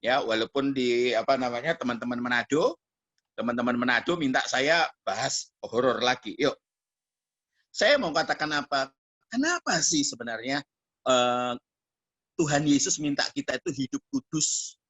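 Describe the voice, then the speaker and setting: A man's voice: mid-range voice, moderate pace. A male pastor preaching a sermon and telling a story, acting out the voices of the people in it. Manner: animated, acts out voices of people in his stories.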